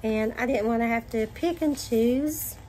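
High-voiced Southern woman gushing over a haul. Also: measured pace, a little hiss or hum. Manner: gushing, excited, showing items to camera. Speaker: vlogger. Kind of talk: haul video chat. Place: home dining room, indoors.

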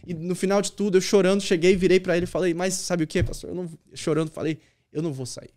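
A man tells a personal story as a guest on a podcast, speaking quickly. He is an earnest youth pastor who keeps returning to the same key words for emphasis. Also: high voice, fairly even intonation, darkish tone.

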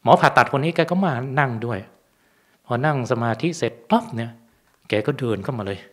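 A Buddhist monk gives a relaxed Dharma talk at a temple. He talks in an easy, conversational way and keeps checking in with rhetorical questions. His voice sits at an ordinary middle pitch for a man. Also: brisk.

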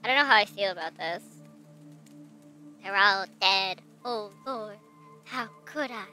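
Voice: medium pitch, unhurried, sharp tone, faint music behind. A game streamer talking through a voice changer that disguises the real voice, chatting casually and asking chat for input while playing. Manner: chatty, thinks aloud and asks chat for input. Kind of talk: casual live gameplay commentary.

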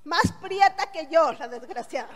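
A middle-aged woman with a Mexican Spanish accent tells her story with blunt, earthy humor. Her voice sits very high. The speech rings with a long hall reverb. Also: expressive, moderate pace, slight background noise. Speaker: motivational speaker. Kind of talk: testimonial speech to an audience.

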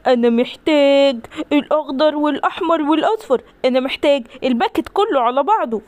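A woman voicing an excitable, greedy young elephant who pleads with an Egyptian accent. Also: high-pitched, fairly quick, dry recording. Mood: eager. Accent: Egyptian Arabic.

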